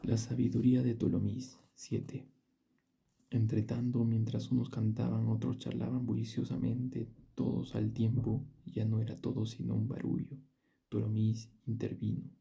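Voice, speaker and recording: Audiobook narrator, male, measured reading, very dark and a little husky. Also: lowish voice, level tone. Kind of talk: reading a classic novel aloud.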